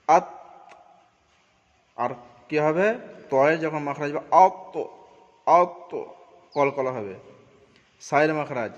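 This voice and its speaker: ধীরে ধীরে উচ্চারণ শেখানো এক পুরুষ শিক্ষক, ভোঁতা recording. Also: male voice, fairly high pitch. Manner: slow, repeats each sound drill several times. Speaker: Quran recitation teacher. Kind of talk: Quran pronunciation lesson. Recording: dull audio with long reverb.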